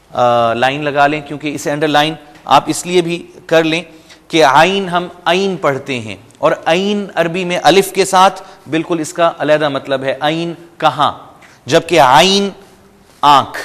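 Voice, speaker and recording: A man teaching Quran reading, slowly and loudly reciting verses, then explaining them briskly. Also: fairly high pitch, big-room sound. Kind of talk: step-by-step recorded lesson.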